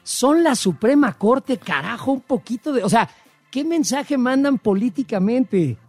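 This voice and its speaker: Animated high-voiced Mexican man. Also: measured pace, slightly rough, no echo, soft background music. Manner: sarcastic, animated, joking. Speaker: show host. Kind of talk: casual chat.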